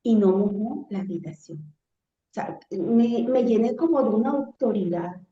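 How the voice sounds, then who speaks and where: A woman giving an emotional personal testimony, animated and acting out her own shouts as she tells it. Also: mid-range voice, measured pace, a little hiss or hum. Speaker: interviewee sharing a near-death testimony. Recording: echoey room, dull lo-fi sound.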